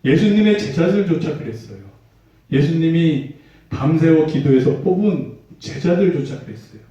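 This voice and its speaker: A male pastor preaching a sermon in a relaxed, conversational way, asking rhetorical questions. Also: on the high side, normal speed, dull audio. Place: church sanctuary. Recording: echoey hall, mic far off.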